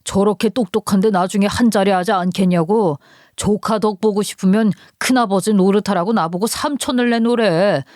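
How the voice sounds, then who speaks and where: A woman's voice: mid-range voice, moderate pace, darkish tone, no echo, studio quality, lightly acted. A woman voicing an angry middle-aged husband who grumbles in exasperation. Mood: fuming.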